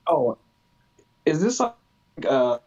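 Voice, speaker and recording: A man on a remote call whose audio keeps breaking up, asking slow, halting, confused questions in casual chat. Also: fairly high pitch, very animated, a little mellow, highs cut off. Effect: choppy online call audio breaking up. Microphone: remote online call.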